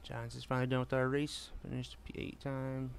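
His voice is mid-range, creaky and flat, at a normal speed, as he casually chats with viewers during a live racing game stream, driving all the while. Racing engine sounds from the game are loud over his speech.

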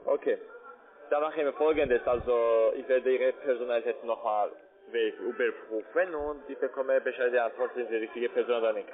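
Over a narrow, tinny phone line, a man who isn't a native German speaker works as a call centre sales agent, pushing insistently in ungrammatical phrasing. His voice is mid-range, his intonation fairly even, and he talks at a normal speed.

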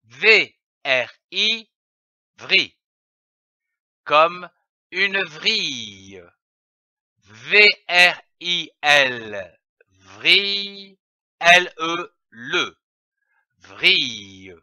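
A man teaching children to read, spelling out letters and sounding each syllable slowly and repeating it. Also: a little high, lively intonation, pushed and bright, no echo. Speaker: reading teacher. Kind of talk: slow syllable-by-syllable reading lesson. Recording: dull, dry lo-fi recording.

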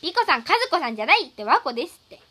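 A woman's voice: sits high, very animated, rapid-fire, bright, forceful tone. A teenage girl chatting on a live stream, reading out fan names and thanking viewers in a playful, chatty way, recorded indoors at home. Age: teens. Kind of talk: casual live stream chat.

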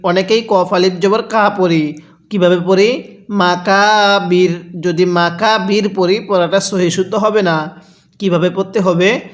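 A man with a Bangladeshi Bengali accent teaching Quran reading, patiently spelling out syllables and repeating them slowly for learners to say back. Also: sits high, steady tone. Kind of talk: slow spelled-out recitation lesson.

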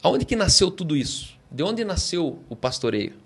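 A man's voice: fairly high pitch, very animated, moderate pace, slightly rough. A man with a Brazilian Portuguese accent, a pastor and podcast guest, explaining his views with emphatic rhetorical questions. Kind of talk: conversational preaching.

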